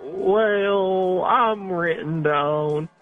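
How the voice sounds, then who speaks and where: Hesitant male caller heard over the phone, slow, slightly high voice. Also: soft background music. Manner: hesitant, stammering with fillers. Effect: heard over a phone line. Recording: tinny phone line.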